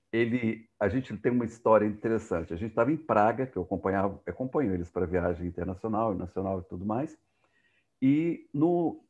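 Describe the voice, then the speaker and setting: A man telling a personal story in an emotional, animated way on a video call. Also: medium pitch, slightly rough. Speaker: speaker.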